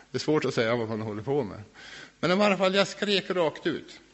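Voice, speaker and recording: A man telling his personal faith testimony about his past drinking, earnest and reflective, now and then laughing softly. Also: medium pitch, lively intonation. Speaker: former alcoholic sharing his faith testimony.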